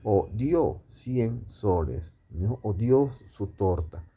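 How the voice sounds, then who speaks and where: A man teaching a grammar lesson, explaining slowly with many fillers and tag questions. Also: fairly low pitch, lively intonation, mellow, slightly rough.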